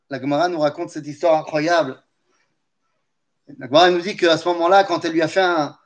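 High-voiced man telling a lively story. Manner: animated, humorous asides, talks to listeners directly. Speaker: teacher of Torah.

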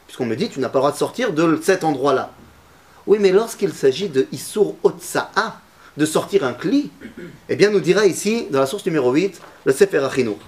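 Male torah teacher, lively up-and-down voice, slightly high, quizzes the class. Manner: lively, questions the class, mixes in Hebrew terms. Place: classroom with students.

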